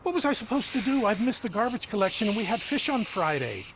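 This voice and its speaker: A man's voice: high-pitched, sing-song, quick pace, background noise. A man playing an indignant, whiny city resident protesting in a video game. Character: indignant male city resident whining about being fined.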